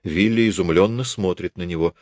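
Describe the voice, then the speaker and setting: Brief: a low-voiced male audiobook narrator, dry studio sound. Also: brisk, darkish tone, no room sound. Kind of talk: scripted narration.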